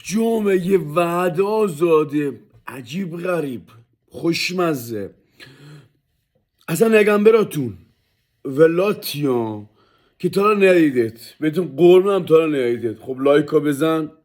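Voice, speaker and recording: A man's voice: on the high side, animated, a little mellow. A man vlogging about his food in a casual, hyped-up way, talking straight to the viewers and sometimes dropping to a whisper. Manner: hyped and playful, drops to whispers over the food.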